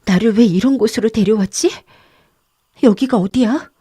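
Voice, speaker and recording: A timid young nun, innocent and frightened, speaking in soft, trembling words, as a woman voices her in an audiobook. Her voice rises above the narration and sounds a little far off. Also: fairly high pitch, normal speed, slightly rough, pitched above the performer's own voice. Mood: uneasy. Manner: soft, anxious, trembling speech. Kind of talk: audiobook character reading.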